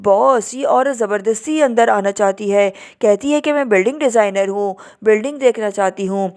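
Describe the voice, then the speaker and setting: A woman's voice: medium pitch, a little mellow, natural voice. A woman voicing a burly, hostile male guard in an audio story, speaking rudely and with threats. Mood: angry. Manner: rude, barking, threatening.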